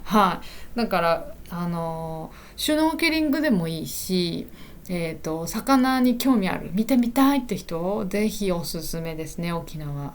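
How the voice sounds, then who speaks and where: A woman teaching in a casual podcast lesson, chatty, filling pauses with little affirmations and hesitations. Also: lowish voice. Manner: chatty, fills pauses with "hai" and "ano"; lively, rising and falling often. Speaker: Japanese teacher.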